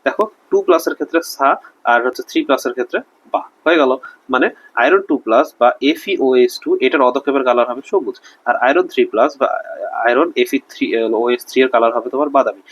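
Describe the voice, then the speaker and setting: A man's voice: mid-range voice, fast, low-quality recording. A young man with a Bangladeshi Bengali accent teaching chemistry in a casual online lesson, chatty and quizzing the student with memory tricks. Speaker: chemistry tutor.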